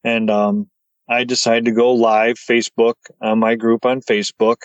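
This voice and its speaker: A man telling his story as a podcast guest, excited and stumbling over his words as he gets wound up. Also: medium pitch, normal speed, no room sound, muffled recording.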